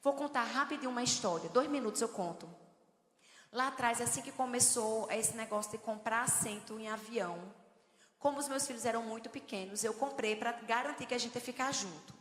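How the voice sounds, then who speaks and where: A woman's voice: fairly high pitch, a little fast. A middle-aged woman from Northeast Brazil, preaching a sermon with humor and storytelling. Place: church hall. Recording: echoey church hall.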